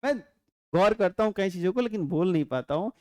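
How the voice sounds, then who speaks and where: A man teaching a physics class with a high, clean, ringing voice. He explains unhurriedly and chats with his students, dropping joking asides and constantly asking if they follow. The sound is close and dry, with no room around it. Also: lively intonation, fairly quick, darkish tone, no echo. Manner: chatty, joking asides, constant rhetorical check-ins. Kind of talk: classroom lecture.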